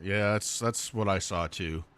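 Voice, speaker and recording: Smooth and a little slow, a Vermont-accented play-by-play commentator calls a simulated stock car race lap by lap on a dry recording. His pitch jumps up sharply with excitement whenever a wreck unfolds.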